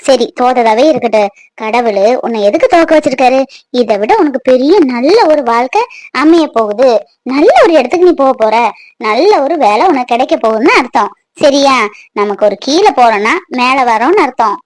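A woman's voice: high voice, expressive, normal speed, darkish tone, no echo. A woman acting a wife in a family drama, talking at length in an earnest, reassuring way.

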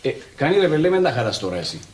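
A man's voice: on the high side, sing-song. An actor playing a polite, coaxing man with a Cypriot Greek accent who tries to talk an old man round. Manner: polite, coaxing, formal address. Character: smooth-talking adult man, persuasive go-between. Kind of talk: TV sitcom acting. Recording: roomy echo.

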